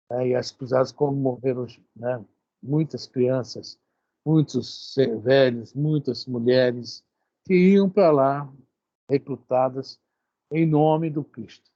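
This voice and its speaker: A man's voice: mid-range voice, slow, mellow, no echo, dull audio. A man with a Brazilian Portuguese accent leading a religious study group, commenting casually and rambling a little between thoughts. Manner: conversational, rambling with fillers.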